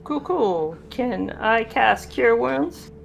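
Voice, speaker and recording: A woman's voice: on the high side, expressive, very slow, creaky, crowd noise. A woman chatting casually as a player in a tabletop game.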